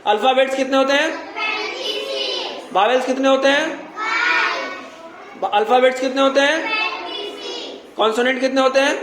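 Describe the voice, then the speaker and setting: A man's voice: very high voice, expressive, normal speed, long pauses. Man quizzing a class in an echoey room. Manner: quizzing, repeats questions, mildly scolding. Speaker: teacher. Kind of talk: classroom English grammar lesson. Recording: echoey classroom with background noise.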